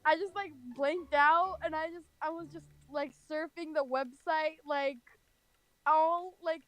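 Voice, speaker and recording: Unhurried and casual, a young American woman from California rambles through a personal story, constantly using "like." Her voice is high-pitched and a bit bright, with fairly even intonation, and the recording has no room sound.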